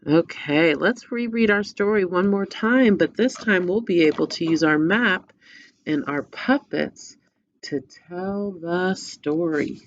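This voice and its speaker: Slow, low-voiced woman teacher. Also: dull audio, a little hiss or hum. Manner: gentle step-by-step instructions. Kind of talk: craft lesson and story read-aloud for children.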